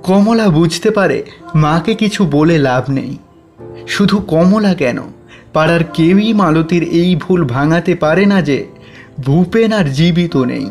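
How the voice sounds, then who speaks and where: A man narrating a village horror story in a dramatic, measured way. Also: fairly high pitch, darkish tone.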